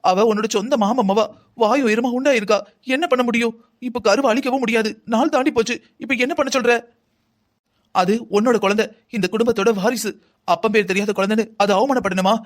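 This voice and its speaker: A voice actor playing a calm, firm middle-aged mother in a cartoon drama, soothing but insistent. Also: fairly high pitch, fairly quick, natural voice.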